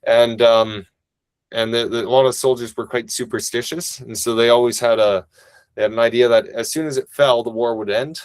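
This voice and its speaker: A man presenting a family history webinar over a video call, talking quickly and casually, with frequent restarts. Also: medium pitch, steady tone, clean tone, dry recording. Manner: talks quickly; casual, enthusiastic, many restarts.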